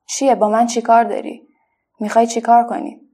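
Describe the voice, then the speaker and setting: A woman voicing a shy, timid paper butterfly in a children's story, speaking quietly and hesitantly. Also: on the high side, little pitch movement, natural voice. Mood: frightened.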